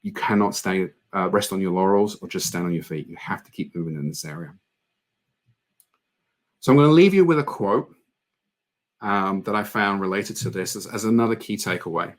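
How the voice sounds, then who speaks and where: Brief: man, lowish voice, conference speaker, earnest conversational delivery with filler ums. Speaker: conference speaker on product marketing. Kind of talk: online conference presentation.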